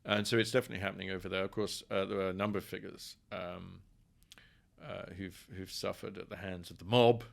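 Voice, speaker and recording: A deep, creaky voice belongs to this middle-aged podcast guest, a professor from England with an English accent, who keeps a steady tone at a fairly quick pace. Throughout the conversational interview he digresses wryly and often repeats words as he thinks.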